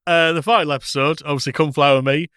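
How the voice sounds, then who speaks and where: A man's voice: a little high, fairly even intonation, fast, a bit bright, smooth, no room sound, studio quality. A man co-hosting a podcast, chatting casually with frequent laughs and fillers. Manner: chuckling, rambling, many fillers. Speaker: podcast co-host. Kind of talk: casual chat.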